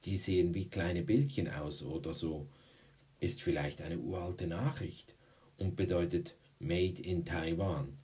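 A man's voice: low voice, fairly even intonation, measured pace, a little mellow. A man voicing a cheeky, crude sixth-grade boy in an audiobook, with a mocking, mumbling manner. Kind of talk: audiobook reading.

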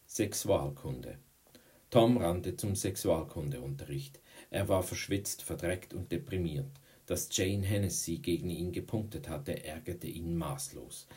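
A man narrating an audiobook in a measured, steady way. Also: deep voice. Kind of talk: audiobook reading.

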